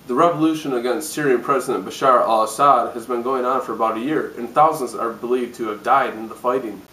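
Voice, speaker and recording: A man playing a hungover, sardonic news anchor in a parody newscast, with a deadpan, jaded delivery. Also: mid-range voice, brisk, close to an everyday voice. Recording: roomy echo, distant microphone.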